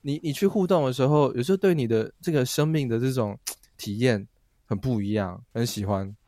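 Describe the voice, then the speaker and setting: A man with a Taiwanese accent hosting a podcast, telling stories in a lively casual chat and laughing often. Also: medium pitch, fairly quick, no room sound, studio quality. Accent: Taiwanese Mandarin. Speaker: podcast host.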